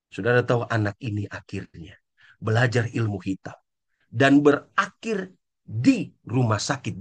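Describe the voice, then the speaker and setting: Indonesian pastor, voice swinging from hush to shout. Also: male voice, breathy edge. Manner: swings from low and soft to sudden high shouts; acts out scolding parents in quoted asides. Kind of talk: sermon.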